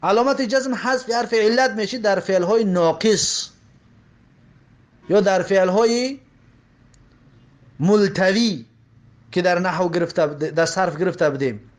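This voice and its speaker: High-voiced man teaching grammar. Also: pauses often. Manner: repeats examples, asks and answers own questions. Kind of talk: grammar lesson.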